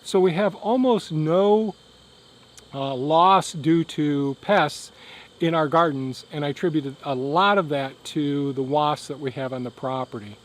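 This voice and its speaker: A man giving a casual, explanatory outdoor vlog update in a halting way, with a tractor rumbling behind him. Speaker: gardening and beekeeping video host. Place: outdoors on a rural property by a hive hut. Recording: outdoor noise of tractor and insects. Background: tractor rumbling, insects.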